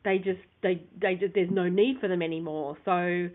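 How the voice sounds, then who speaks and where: A woman's voice: on the low side, steady tone, moderate pace. A woman co-hosting a casual business chat, rambling and sometimes losing her train of thought. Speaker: podcast co-host. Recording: phone-like narrow sound.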